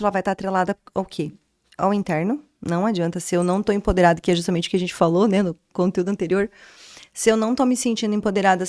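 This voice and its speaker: A woman's voice: medium pitch, a little mellow, no echo, studio quality. A woman, a speech therapist from Brazil, explaining as a guest in an interview and often asking questions she then answers herself. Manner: didactic, asks and answers her own questions. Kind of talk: conversational interview.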